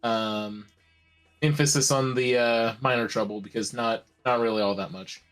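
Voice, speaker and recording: A man with a mid-range voice giving a halting recap of a game, with many ums and uhs. Faint music runs behind him. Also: mid-range voice, steady tone, fairly bright tone. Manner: hesitant, many fillers. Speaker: player. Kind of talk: casual recap of a game session.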